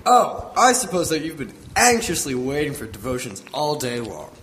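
A man's voice: on the high side, lively intonation, normal speed, fairly bright tone, a little hiss or hum, rough recording. A man playing a cheeky, teasing teenage grandson in an amateur church skit. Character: cheeky teenage grandson who teases his sister.

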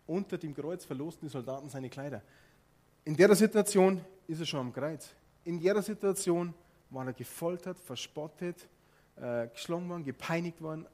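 High-voiced Bavarian preacher. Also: male voice. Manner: lively, addresses listeners directly with rhetorical questions. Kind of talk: sermon with a live demonstration.

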